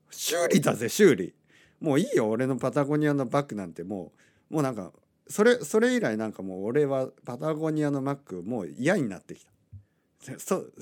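Chatty man with a lively voice. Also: medium pitch. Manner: chatty, acts out quoted lines in other voices; laughs often between remarks. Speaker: vlogger telling a personal story. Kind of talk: casual storytelling monologue.

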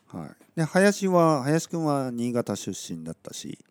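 A man from Oita, Kyushu, teaching Japanese in a relaxed podcast monologue. He chats with many soft fillers, corrects himself as he goes, and his throat is slightly scratchy. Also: mid-range voice, a little slow, no room sound, studio quality. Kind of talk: casual podcast lesson monologue.

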